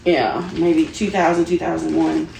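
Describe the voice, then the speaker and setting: A woman's voice: low voice, flat delivery, measured pace. A middle-aged woman chatting casually in a playful, giggly way with frequent exclamations. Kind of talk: casual chat while unboxing Halloween items. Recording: roomy echo with clear background noise.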